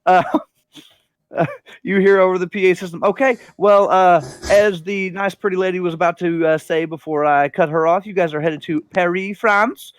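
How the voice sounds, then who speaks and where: A man's voice: high-pitched, fairly even intonation, moderate pace, clear, resonant tone, dry recording, studio quality. A man narrating a tabletop game as game master, with lots of fillers, over voice chat. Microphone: headset over voice chat.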